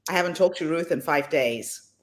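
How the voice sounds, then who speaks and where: A woman hosting an online summit, speaking in a brisk, practical and earnest way. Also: low voice. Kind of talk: casual chat on a video call.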